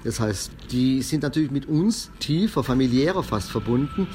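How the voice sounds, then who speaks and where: A man's voice: medium pitch, lively intonation, moderate pace, background noise. A man leading a street football project, speaking casually with tag questions. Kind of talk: casual interview.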